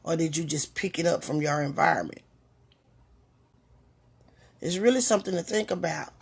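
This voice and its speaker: A woman's voice: deep voice, vocal fry, slightly rough. A woman hosting her own talk, giving a reflective motivational monologue and asking the listener one rhetorical question after another. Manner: reflective, unhurried, with pauses. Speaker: host.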